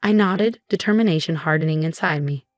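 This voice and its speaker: A woman reading a first-person story as scripted narration, in a steady, measured way. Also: deep voice, no echo, faint music behind.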